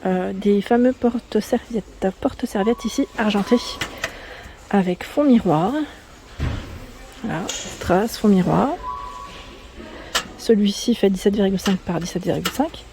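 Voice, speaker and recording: A woman's voice: mid-range voice, measured pace, long pauses, background noise. A woman chatting casually through a shopping vlog inside a store, friendly and full of fillers. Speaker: vlogger.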